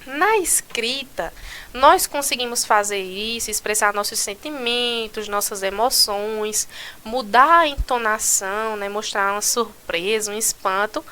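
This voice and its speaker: A woman's voice: on the high side, unhurried, sharp tone, clear, resonant tone. A Brazilian woman teaching a recorded school lesson, explaining step by step and checking in often with "né" and "tá certo". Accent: Brazilian Portuguese.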